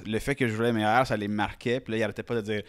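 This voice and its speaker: A man's voice: fairly low pitch, fairly even intonation, rapid-fire, clean tone, no echo, studio quality. Franco-Ontarian man with strongly rolled R's. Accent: Franco-Ontarian French. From Rockland, Ontario, Canada. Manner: strongly rolled tongue-tip R. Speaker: podcast guest. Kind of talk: casual humorous anecdotes.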